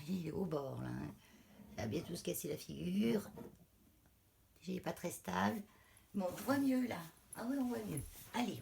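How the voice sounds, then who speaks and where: A woman chatting casually as she unboxes craft mail. She is losing her voice, exclaims softly and often drops to a whisper. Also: mid-range voice, creaky, background noise. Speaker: crafting vlogger.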